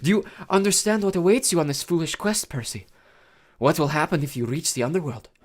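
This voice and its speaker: A man's voice: on the high side, a little fast, voice pushed up, natural voice. A man voicing an old female monster in a storybook, coaxing and crooning with a menacing edge that can turn to a snarl. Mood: coaxing, bitter. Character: Medusa, menacing snake-haired monster posing as kindly old woman.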